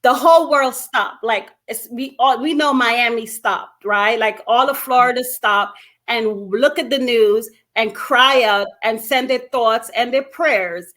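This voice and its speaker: Speaking slightly slowly in a fairly high, fairly bright voice, a middle-aged anti-gun violence activist from Guyana and Brooklyn, New York shares stories as an interview guest. Her manner is emphatic and conversational.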